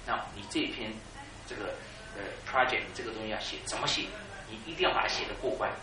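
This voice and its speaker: A man, preaching a sermon in an animated storytelling way and laughing at his own jokes. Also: lowish voice, fast talker. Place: church hall. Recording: echoey church hall, mic far off, noisy.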